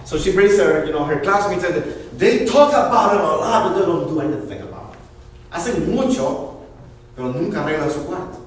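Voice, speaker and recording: A male pastor delivers an animated sermon, slipping into the voices of the people he quotes. His pitch sits a little high and leaps around. He is heard from some way off in a big echoing hall. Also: moderate pace, slight background noise. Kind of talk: bilingual sermon. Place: church hall. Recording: echoey hall from far off, faint ambience.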